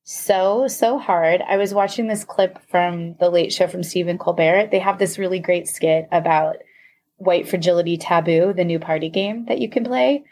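A woman's voice: on the low side, moderate pace, darkish tone. Chatty woman podcast co-host. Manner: rambling, swears, laughs often. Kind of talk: casual chat.

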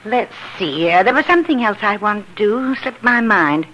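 A woman playing a gentle, absent-minded middle-aged mother in a 1950s radio drama, fond and a little flustered. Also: medium pitch, expressive, normal speed, lo-fi sound, close to an everyday voice. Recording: noisy old 1950s radio recording.

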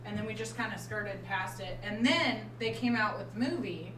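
A woman's voice: mid-range voice, normal speed. Lady on a podcast swapping stories n banter, echoey room, bit far from mic. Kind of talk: casual group chat, telling personal anecdotes. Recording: roomy echo, distant mic, clear background noise.

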